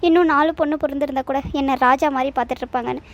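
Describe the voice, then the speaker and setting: Old cartoon dad, a woman voicing, emotional, slow, high-pitched. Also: steady tone. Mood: grateful. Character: old cartoon father, grateful and teary.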